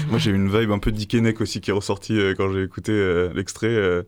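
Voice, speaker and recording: Lowish-voiced male radio co-host. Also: flat delivery, fairly quick, a little mellow, clear, resonant tone. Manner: curious, asks questions casually. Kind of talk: live radio interview.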